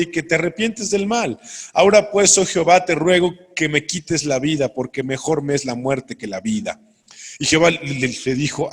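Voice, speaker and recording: Guy preaching in church, highish voice, earnest explaining, lots of hall echo. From Mexico. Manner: earnest, explains plainly to the congregation. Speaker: pastor. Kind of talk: sermon with Bible reading. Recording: long hall reverb.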